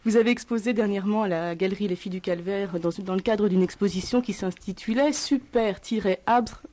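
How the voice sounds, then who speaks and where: Woman, radio host, panel discussion, measured delivery, mellow tone. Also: mid-range voice. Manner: measured, introducing guests one by one.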